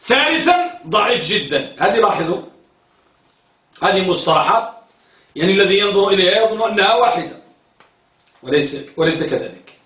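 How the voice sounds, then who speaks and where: Male lecturer, high voice, heard from a distance in a roomy classroom, quizzes and repeats terms. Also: very animated, brisk, pauses often, a bit bright. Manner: questioning, repeats key terms, tells students to focus. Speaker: teacher of hadith terminology. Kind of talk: classroom lecture with questions to students.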